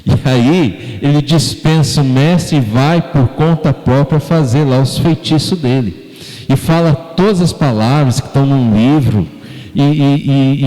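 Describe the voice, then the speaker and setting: A man's voice: medium pitch, warm tone. A man with a Brazilian Portuguese accent preaching a sermon as pastor, talking conversationally and putting questions to the congregation. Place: church sanctuary. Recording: long church-hall reverb.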